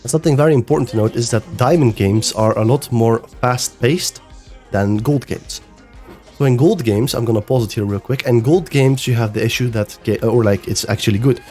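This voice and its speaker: A man's voice: medium pitch, fairly quick. Sick, slightly nasal man coaching gameplay. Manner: explanatory, loose with fillers and restarts. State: sick, a bit nasal and rough. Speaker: game coach. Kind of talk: gameplay review commentary. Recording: faint music behind. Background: soft background music.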